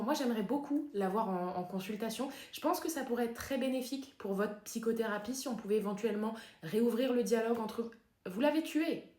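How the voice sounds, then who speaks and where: A woman playing a deadpan soft-spoken therapist. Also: a little high, reverberant, lightly acted. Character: calm, dry female psychotherapist, mildly sardonic. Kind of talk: comedy sketch.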